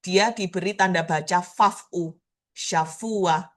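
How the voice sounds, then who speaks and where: A woman's voice: lowish voice, a bit bright. A woman with a Surabaya Javanese accent teaching an online language class, patiently repeating each word so her students can copy the pronunciation. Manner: slow, patient, repeats words to drill pronunciation.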